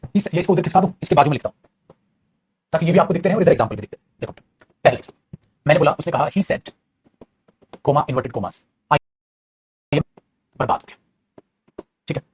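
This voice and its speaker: A man's voice: a little high, a little hiss or hum. A male teacher giving a classroom grammar lesson, drilling and repeating points and calling his students "beta". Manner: addresses students as beta, repeats and drills, switches between languages. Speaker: English teacher.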